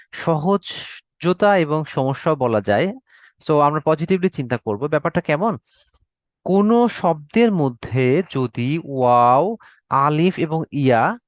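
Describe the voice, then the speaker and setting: A Bangladeshi male teacher giving an online Arabic class, his voice sitting a touch high for a man. He explains slowly and repeats key words, checking in with "okay?" again and again. The sound is close and dry, with no room around it. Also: dry recording, lo-fi sound. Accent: Bangladeshi Bengali.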